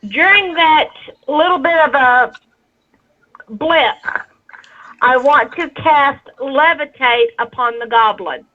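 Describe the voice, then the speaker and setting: A woman playing a tabletop role-playing game, speaking deliberately with fillers. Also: high voice. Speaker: player. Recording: tinny phone-like line.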